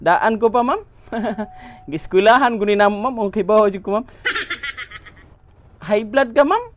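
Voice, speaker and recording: A woman's voice: measured pace, lo-fi sound, a little hiss or hum, lightly acted. A woman playing a cheeky, friendly male nurse in a comedy sketch, talking in a teasing, playful way. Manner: teasing, playful, swings pitch widely.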